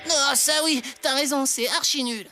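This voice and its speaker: A woman's voice: high voice, normal speed, over music, close to an everyday voice. An actress playing a cocky, playful young boy in a cartoon, with a casual, teasing way of talking. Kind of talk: animated cartoon dub.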